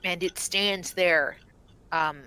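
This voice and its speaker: A woman narrating a tabletop game as game master, halting and full of fillers and restarts. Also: lowish voice, fairly even intonation, bright, forceful tone, clear, resonant tone, low-quality recording.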